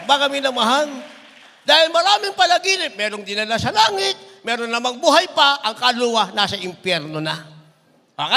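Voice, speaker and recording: Man, impassioned sermon, high-pitched, gravelly, long hall reverb. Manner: impassioned, swings between shouting and low asides. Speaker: preacher. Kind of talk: Tagalog sermon.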